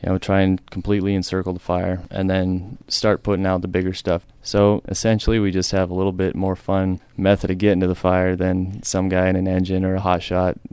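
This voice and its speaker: A man who works as a smoke jumper, explaining his job in plain, relaxed interview answers. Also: low-pitched, brisk, hardly any pauses, clean tone, no room sound.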